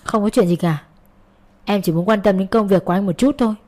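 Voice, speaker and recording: A woman voicing a hurt, betrayed young wife who speaks quietly and then shouts in anger. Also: mid-range voice, a little fast, lightly acted. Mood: quiet, evasive.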